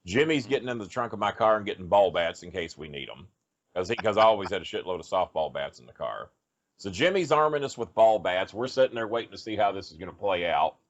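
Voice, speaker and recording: On dull lo-fi podcast audio, a wrestling storyteller guest rattles off a rambling, profane road story, his fairly low, sing-song voice moving fast. The chat is casual and packed with fillers.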